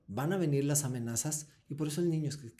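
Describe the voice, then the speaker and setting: A man's voice: fairly high pitch, fast talker, mellow. A man, founder of a foundation, explaining earnestly as an interview guest. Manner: explanatory, acts out short dialogues with children.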